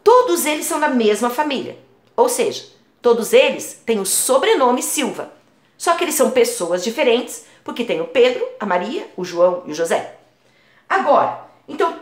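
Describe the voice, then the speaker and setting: A woman's voice: high voice, big pitch swings, moderate pace. A woman math teacher explaining a lesson patiently, using everyday comparisons. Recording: echoey room.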